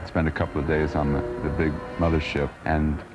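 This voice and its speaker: Man, extremely low voice, interview explanation, music behind. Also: flat delivery, brisk. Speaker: interviewee in a film documentary.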